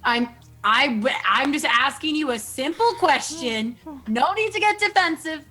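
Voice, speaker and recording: A woman's voice: sits high, animated, measured pace, pushed and bright, soft background music. A woman playing a tabletop game, trading casual banter in a blunt, needling way.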